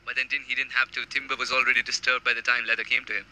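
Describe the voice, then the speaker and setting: Bright-toned male cricket analyst. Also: medium pitch, flat delivery, rapid-fire, low-quality recording. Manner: analytical, explains tactics. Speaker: cricket co-commentator.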